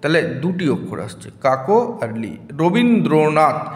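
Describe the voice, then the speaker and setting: Male teacher, slightly high voice, patient and repetitive, echoey reverberant room. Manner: slow, repeats words syllable by syllable for children. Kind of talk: classroom grammar lesson.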